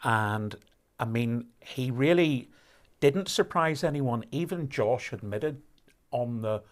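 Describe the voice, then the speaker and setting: On a rally live stream, a male commentator explains conditions in a measured way, with fillers and restarts. His medium-pitched voice is expressive.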